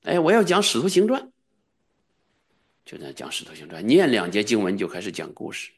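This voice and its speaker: A man preaching as a pastor, swinging between quiet low asides and loud, high, fervent exclamations, at times chanting repeated commands in prayer. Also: huge pitch swings, brisk, creaky, breathy edge. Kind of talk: charismatic sermon.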